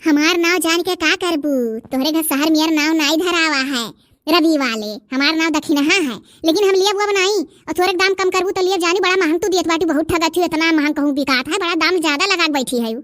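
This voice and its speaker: A woman voicing a cartoon Awadhi village woman, very high shrill voice, haggling, complaining, dry close sound. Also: brisk, a bit bright, no room sound. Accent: Awadhi, eastern Uttar Pradesh. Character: bargaining village woman, adult, loud and quarrelsome. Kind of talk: cartoon dub voice acting.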